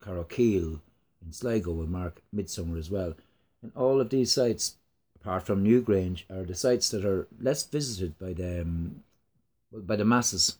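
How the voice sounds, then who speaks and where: A low-pitched man with an accent from the Irish Midlands. He talks like a lilting traditional storyteller and guide, laying out his explanations in an interview with unhurried pauses. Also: darkish tone. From Ireland.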